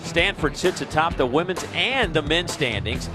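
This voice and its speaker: Male sports announcer over music, fairly high-voiced. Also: animated, normal speed. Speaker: television play-by-play announcer. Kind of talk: scripted broadcast presentation. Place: stadium broadcast booth.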